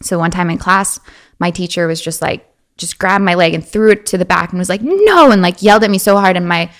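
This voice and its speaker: A woman in her twenties, a guest talking casually in an interview, animated and often slipping into a high girlish voice. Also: quick pace. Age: 20s.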